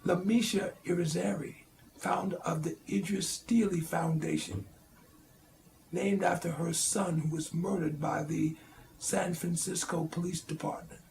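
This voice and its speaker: A man's voice: fairly high pitch, steady tone, unhurried, vocal fry, a little mellow, a little hiss or hum, low-quality recording. A man giving scripted voice-over narration that introduces the speakers of a documentary.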